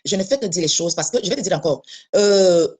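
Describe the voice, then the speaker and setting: Fast-talking blunt Cameroonian woman. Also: on the low side, lively intonation, dark tone, breathy edge. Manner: blunt, insistent, repeats herself. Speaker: co-host of online discussion. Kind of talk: heated casual chat. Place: lives in France.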